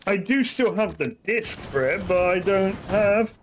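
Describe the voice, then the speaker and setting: A man's voice: high voice, animated, a little slow, background noise. A man giving casual, rambling commentary while streaming a shooter game, often correcting himself mid-sentence. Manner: chatty, rambling, self-correcting asides.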